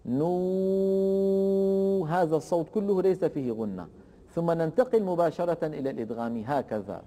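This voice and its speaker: A male Quran teacher explains recitation rules slowly and with care. His voice sits a little high but sounds mellow and warm. He stops to chant each verse example in a long, drawn-out way, and a long reverb follows every word. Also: sing-song. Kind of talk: tajweed lesson with recited examples.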